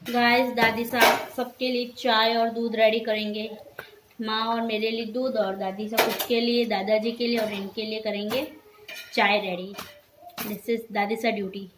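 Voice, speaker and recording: Busy young mom, highish voice, chatting to her viewers in an echoey kitchen, pots clanking. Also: level tone, background noise. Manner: bustling and hurried, talks to viewers while cooking. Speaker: mother and family vlogger. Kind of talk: casual vlog narration. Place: home kitchen. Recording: echoey room with clattering dishes.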